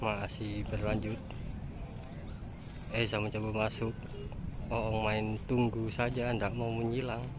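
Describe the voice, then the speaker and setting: A man's voice: fairly low pitch, monotone, takes it slowly, long pauses. A man giving live play-by-play commentary on a match, calling it in short, repetitive phrases. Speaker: kite-fighting match commentator. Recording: loud outdoor ambient noise.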